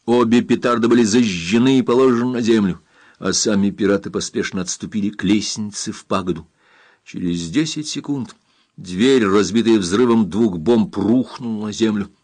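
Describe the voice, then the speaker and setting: A man reading an adventure novel aloud in a steady, measured narration. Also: lowish voice. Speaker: audiobook narrator. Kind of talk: scripted narration.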